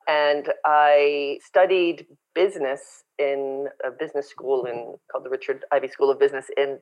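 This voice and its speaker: A woman raised in Canada, a podcast guest and company founder, chatting and telling lively stories over a remote call. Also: very deep voice, normal speed, dull audio. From born in South Africa, raised in Canada. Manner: chatty, storytelling, animated. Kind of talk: casual interview chat. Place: home in Brazil, remote call.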